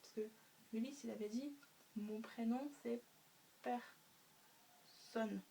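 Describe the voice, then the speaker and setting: Woman retelling a story, hesitant with fillers, mouth sound effects, fairly high voice, slightly distant mic, faint background noise. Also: fairly even intonation, slow pace, gravelly, warm tone.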